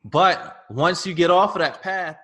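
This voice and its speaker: A man with a bright, forceful tone speaks as a guest on a political talk show. He is low-key and talks casually in chat with the other speakers. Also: measured pace.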